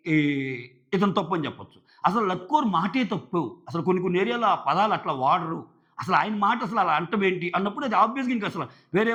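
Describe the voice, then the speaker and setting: A man's voice: sits high, fairly bright tone. A man giving casual video commentary on a reality show, talking in a conversational way and acting out the lines he quotes.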